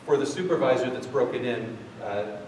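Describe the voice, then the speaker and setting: Heard from a distance in a very echoey hall with steady background noise beneath him, a man walks an audience through a casual live software demo. His mid-range voice moves at a moderate pace, and his delivery rambles with plenty of fillers and restarts.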